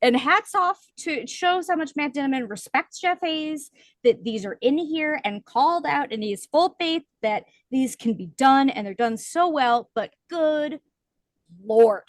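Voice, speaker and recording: A woman co-hosting a book podcast in casual chat, explaining points at length with lively emphasis. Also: high voice, normal speed, no echo. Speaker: podcast co-host.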